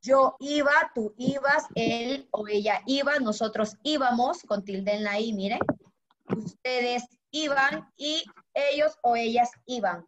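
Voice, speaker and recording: A woman's voice: on the high side, a little slow. A woman teaching a class to children, patient and affectionate, walking them through a table of verbs. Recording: dull lo-fi audio.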